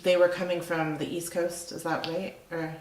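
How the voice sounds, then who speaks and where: A woman's voice: lowish voice, little pitch movement, moderate pace, echoey room, a crowd in the background, low-quality recording. A middle-aged woman who owns a restaurant, talking casually in an interview, rambling and chatty with lots of fillers. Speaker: restaurant owner.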